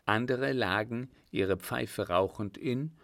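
A man narrating a novel aloud in a steady, measured reading. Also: medium pitch, gravelly, dry recording, studio quality. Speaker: audiobook narrator. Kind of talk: scripted narration.

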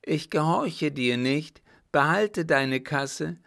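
A man voicing a tormented, raving young baron who wails in high, anguished outbursts, his voice a little gravelly. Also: lively intonation, takes it slowly, fairly bright tone, heavily acted. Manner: shrill, wailing, anguished outbursts.

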